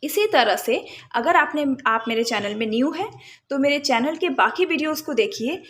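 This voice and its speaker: A woman teaching phonics, breaking words into separate sounds and then blending them, in a calm lesson. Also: high voice. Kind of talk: slow, sound-by-sound phonics lesson in Hindi-English mix.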